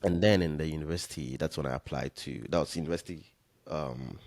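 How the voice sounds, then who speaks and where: A young man from Ghana, a guest on an interview podcast, telling his story in a relaxed, rambling way with many fillers and restarts. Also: extremely low pitch, fast, no echo. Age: young adult. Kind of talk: casual interview chat.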